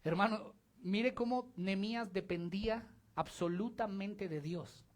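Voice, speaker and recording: A man with a Mexican accent delivers a sermon in church. He preaches in a lively, conversational way, speaking straight to the people in front of him as he goes. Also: sits high, unhurried. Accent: Mexican Spanish. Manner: animated, conversational, addresses the congregation directly.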